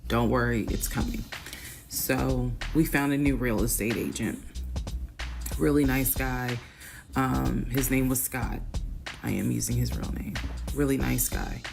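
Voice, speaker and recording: Very low, gravelly woman telling her story. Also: steady tone, unhurried, long pauses, over music. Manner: candid, wry, conversational. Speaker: storyteller in a played clip. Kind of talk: personal storytelling.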